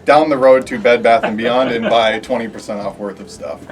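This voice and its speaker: A man's voice: mid-range voice, steady tone, moderate pace, recorded from a distance. A man playing a tabletop game, improvising and chatting casually. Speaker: game player.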